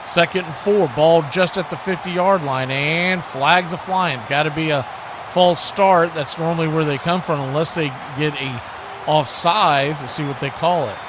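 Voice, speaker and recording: Over a noisy live stream, a play-by-play commentator with a fairly high pitch calls American football at a moderate speed. His delivery is clipped and brief, and he gets louder when a big play happens.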